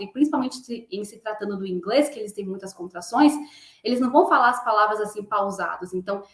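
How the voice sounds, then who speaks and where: A woman teaching English pronunciation in a casual online lesson, chatting and slowly repeating example words. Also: a little high, roomy sound.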